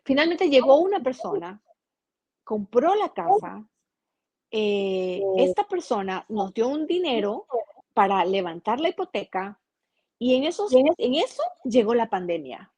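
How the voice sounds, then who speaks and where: A woman with an Ecuadorian accent, a journalist guest telling a personal story in a casual interview, earnest and animated, often restarting her sentences. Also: a little high, measured pace, slightly rough, no room sound. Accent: Ecuadorian Spanish.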